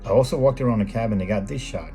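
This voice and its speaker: This is a scripted voice-over from the host of a photography video, a middle-aged American man who explains in a plain, measured way. His pitch is fairly low and his voice mellow, backed by music.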